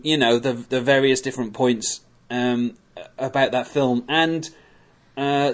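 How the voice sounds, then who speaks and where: A man hosting a podcast, chatting casually and rambling with many hesitations. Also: mid-range voice. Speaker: podcast host.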